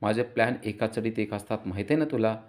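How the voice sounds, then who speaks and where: A man playing a cocky young woman, sure of her schemes and quick to take offense, told in his own low-pitched retelling voice. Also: lightly acted. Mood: defensive. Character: hopeful, self-assured scheming young woman.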